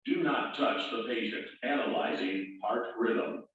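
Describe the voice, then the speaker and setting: A man voicing an automated defibrillator prompt, giving short, clipped, impersonal instructions in a calm, commanding way. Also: mid-range voice, measured pace, natural voice. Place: played from a training device in an echoey room. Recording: echoey room, distant, dull device speaker.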